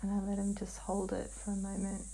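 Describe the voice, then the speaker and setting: As a client in guided hypnosis, a woman describes a trance vision in dreamlike terms. Her mid-range voice is monotone, hushed and halting, with long pauses.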